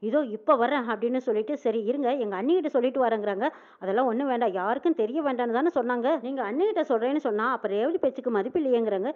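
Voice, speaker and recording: Woman retelling a tv serial, high voice, does each character's lines, tinny phone-like sound. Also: very fast.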